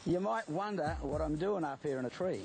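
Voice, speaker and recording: Wildlife presenter: Australian man, higher-pitched, informal and showy, over a music bed. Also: expressive, a little fast, gravelly. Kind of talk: informal presenting to camera while handling snakes.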